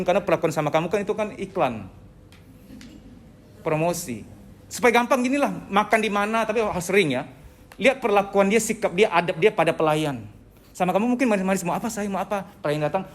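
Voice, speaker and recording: Lively man lecturing a training. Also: high voice. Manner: animated, acts out quoted speech; joking asides. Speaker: psychology trainer.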